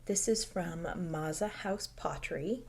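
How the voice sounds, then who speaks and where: A young woman hosting a casual knitting podcast from home, speaking softly and often dropping to a near-whisper. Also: on the low side, unhurried, vocal fry, slightly rough. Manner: soft-spoken, drifting into near-whispers.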